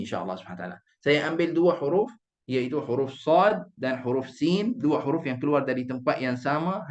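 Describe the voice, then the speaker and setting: A man teaching Quran recitation in an online class, patiently drilling letters and repeating them slowly. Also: medium pitch, muffled recording. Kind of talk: online tajwid lesson.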